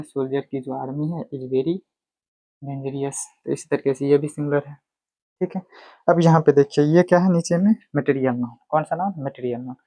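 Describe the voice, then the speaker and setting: A man's voice: a little high, darkish tone, no room sound. A man teaching English grammar, explaining step by step and answering his own questions. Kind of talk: classroom lecture. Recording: tinny phone-like dry sound.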